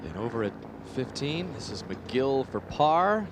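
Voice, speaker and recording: A man's voice: mid-range voice, big pitch swings, a little slow. A man working as a golf commentator, calling a tournament for a television broadcast. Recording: outdoor broadcast with crowd and loud noise. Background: golf crowd and outdoor noise.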